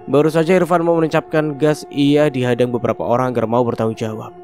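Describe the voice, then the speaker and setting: A man narrating a scripted story with steady, even delivery. His voice sits at an ordinary middle pitch, and soft music plays faintly behind him. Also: fast.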